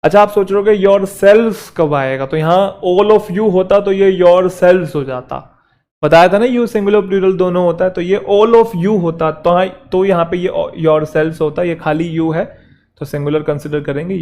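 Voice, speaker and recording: Male teacher, somewhat high voice, patient step-by-step explainer. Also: a little mellow. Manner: explains step by step, addresses students as "beta", reads example sentences slowly. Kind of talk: classroom grammar lesson.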